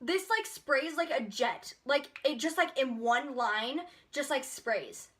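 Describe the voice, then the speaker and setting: A woman's voice: high-pitched, lively intonation, takes it slowly, fairly bright tone. A young woman chatting in a casual makeup haul vlog, bubbly and full of filler words. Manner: chatty, bubbly, lots of likes and ums. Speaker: beauty vlogger.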